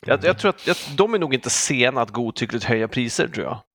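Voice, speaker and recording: A man in his forties chatting on a podcast, with a lively, swinging pitch. He tells stories animatedly and acts out the voices in them. The sound is dry and close. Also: no echo. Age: 40s. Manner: animated storytelling with acted quotes. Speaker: podcast co-host. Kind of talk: casual podcast chat.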